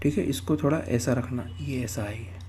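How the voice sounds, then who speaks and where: A male Hindi grammar teacher with a medium-pitched, dark, slightly rough voice gives an exam-prep lecture at a moderate pace. He explains step by step, repeats key terms, and asks and answers his own questions.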